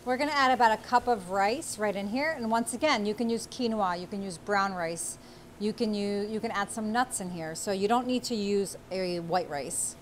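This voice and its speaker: In a small studio kitchen, a cooking-show host in her forties gives friendly step-by-step instructions as she cooks. She speaks in a mid-range voice at normal speed. Her lapel mic recording carries slight background noise.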